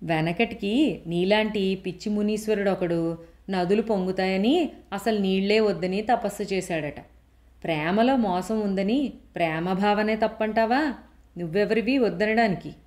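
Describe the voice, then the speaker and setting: A woman's voice: lowish voice, normal speed, darkish tone, natural voice. A woman voicing a bold older housewife who scolds and mocks bluntly. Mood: scolding.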